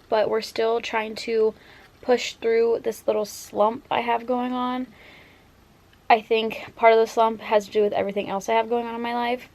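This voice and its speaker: A woman's voice: a little high, darkish tone. A nineteen-year-old woman vlogging casually at home about her reading, chatty and full of "like" and "literally". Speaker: book vlogger. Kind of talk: casual vlog chat. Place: at home, indoors.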